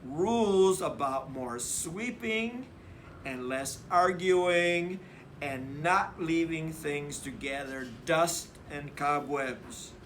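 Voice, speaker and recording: A no-nonsense mother bear from a picture book, acted by a man. The voice is fairly high and bright, firm and emphatic, with measured phrasing. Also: a little hiss or hum.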